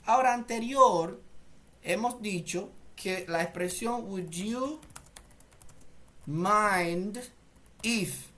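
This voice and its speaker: Slow-spoken Spanish-native man teaching English. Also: sits high, a bit bright. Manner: slow, deliberate, repeats phrases and clears throat. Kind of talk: bilingual grammar lesson.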